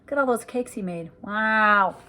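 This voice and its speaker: An older woman, medium-pitched and moderately paced, reads a rhyming picture book to kids in a lively, musical voice, sprinkling in casual comments on the artwork. There's slight background noise.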